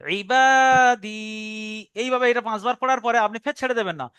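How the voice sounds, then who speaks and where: A man's voice: very high-pitched, racing, a bit bright, clear, resonant tone, dry recording. A man teaching a Quran reading class over an online call, drilling pronunciation by repeating words.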